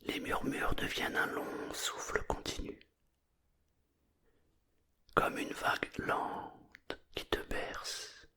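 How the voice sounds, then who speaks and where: In a low, breathy whisper, a storyteller eases through a bedtime tale. The tone is soothing and hushed, and the phrases are spaced with gentle pauses.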